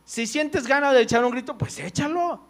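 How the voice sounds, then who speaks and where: A man's voice: extremely high pitch, moderate pace. A man preaching a conversational sermon in church. He tells personal stories, full of fillers and "right?" tags.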